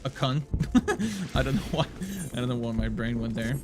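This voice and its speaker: A man's voice: mid-range voice, very animated, moderate pace, background noise. Rambling, chatty male game streamer. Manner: rambling, laughing, swears offhand. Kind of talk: casual live-stream chat. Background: game music.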